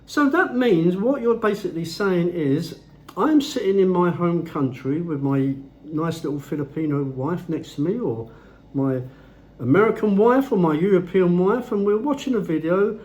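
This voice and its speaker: A man's voice: high-pitched, animated, normal speed, darkish tone. A man ranting in his own vlog, blunt and heavily profane, talking at home. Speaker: vlogger.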